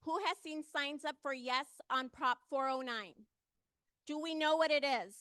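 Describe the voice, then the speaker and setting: Female campaigner, high forceful voice, urgent and direct public appeal. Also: measured pace, dry recording. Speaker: ballot measure campaigner. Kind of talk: short public advocacy speech.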